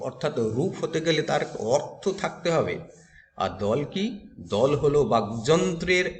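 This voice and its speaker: A male teacher giving a grammar lecture to students, explaining step by step, repeating key terms and asking questions to the class. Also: a little high.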